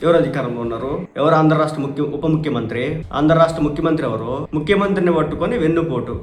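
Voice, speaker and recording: Guy from andhra ranting about politics, high voice, echoey room. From Andhra Pradesh. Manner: emphatic, argumentative, rhetorical questions. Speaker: political commentator. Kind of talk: political commentary video.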